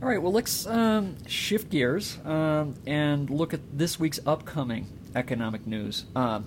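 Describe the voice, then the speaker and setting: Male interview host, faint background rumble. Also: animated, a little slow. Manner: conversational, leading questions. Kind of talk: interview questions.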